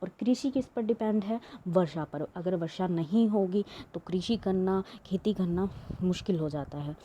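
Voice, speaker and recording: A woman's voice: fairly low pitch, moderate pace, warm tone, dull audio, a little hiss or hum. A woman teaching an exam-prep lesson, reading questions aloud and explaining them with many fillers and restarts.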